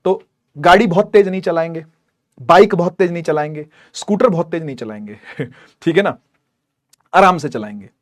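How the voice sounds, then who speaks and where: Young male tutor, high voice, energetic, repeats and quizzes students constantly. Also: moderate pace, pauses often. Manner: energetic, repetitive, questions students directly. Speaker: teacher. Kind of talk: online lecture.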